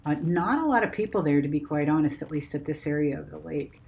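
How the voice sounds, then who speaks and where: Low-voiced woman narrating a travel vlog. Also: expressive, fast talker, vocal fry, a little mellow. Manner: conversational, hesitant, unscripted. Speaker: travel vlogger.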